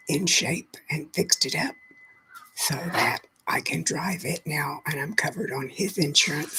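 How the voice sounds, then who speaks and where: A livestream host who has lost her voice whispers through a chatty, casual session, greeting viewers by name. Her voice is low-pitched, with a bright, forceful tone, and the audio is poor.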